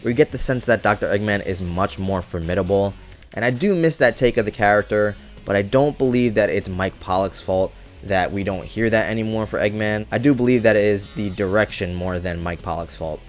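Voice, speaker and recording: A young man delivers scripted commentary as a video host. His voice is on the low side, with faint music playing behind him. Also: brisk.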